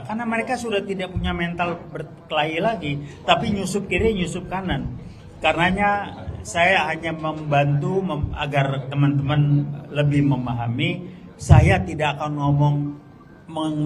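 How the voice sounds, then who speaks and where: An older man gives a fiery public speech, blunt, slangy and combative, with sharp bursts of emphasis. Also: fairly high pitch. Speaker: speaker at a public gathering. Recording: speech with crowd noise behind. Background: crowd noise.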